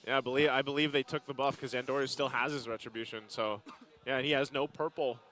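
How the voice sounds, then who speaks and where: Bright-toned male esports analyst. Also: medium pitch, fast talker. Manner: relaxed, rambling analysis with fillers. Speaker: esports color commentator.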